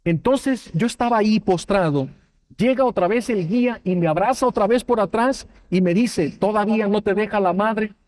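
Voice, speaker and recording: A man's voice: high-pitched, normal speed, darkish tone. A man, a Bible teacher, preaching a sermon and telling a personal testimony with emotion, acting out the dialogue. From Mexico. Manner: emotional storytelling, acts out dialogue.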